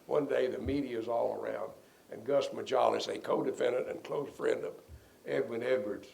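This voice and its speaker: A man's voice: mid-range voice, steady tone, normal speed, a little mellow. An older man, a defense lawyer, telling rambling anecdotes in an interview and chuckling at his own stories. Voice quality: gravelly.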